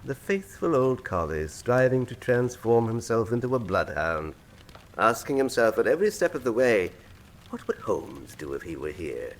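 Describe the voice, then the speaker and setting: Guy doing a grandiose villain professor, radio play, super animated, theatrical and full of himself. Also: mid-range voice, slight background noise, natural voice. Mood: mocking. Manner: pompous, theatrical, eloquent, deliberate monologuing. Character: suave, grandiose male criminal mastermind professor, coolly menacing. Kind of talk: radio drama acting.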